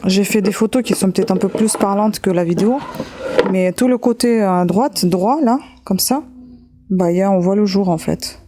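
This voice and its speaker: A woman's voice: medium pitch, normal speed, noisy background. A woman vlogging casually as she unboxes a gift, chatting to viewers with many fillers and restarts. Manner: talks straight to viewers while handling an object. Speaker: beauty vlogger.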